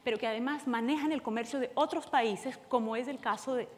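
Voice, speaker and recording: Venezuelan-born woman presenting in a hall. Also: fairly high pitch. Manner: explanatory, hurried, many fillers. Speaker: conference panelist. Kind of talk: conference presentation. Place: large conference hall.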